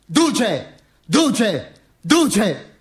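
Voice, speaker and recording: A man voicing a furious crowd in a solo stage monologue, chanting and jeering in loud mocking shouts. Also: high voice, very animated, drawn-out words, voice pushed up, full character voice.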